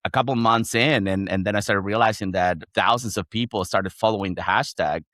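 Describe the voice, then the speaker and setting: A man's voice: lowish voice, a little fast, a bit bright, no echo, studio quality. A man from Chile with a Chilean Spanish accent, speaking English as a second language. He talks as a podcast guest, reflective and thinking aloud with frequent restarts. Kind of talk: conversational interview.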